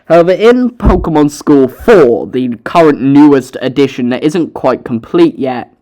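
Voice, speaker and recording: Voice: mid-range voice, lively intonation, measured pace, mellow. A young author narrating their own story, breaking off for casual, self-mocking, sweary commentary.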